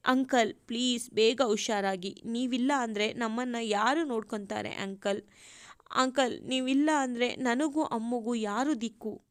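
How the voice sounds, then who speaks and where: A woman's voice: on the high side, a little slow, clear, resonant tone, no room sound, clean studio sound, natural voice. A woman voicing a tearful, pleading young woman. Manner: sobbing, pleading.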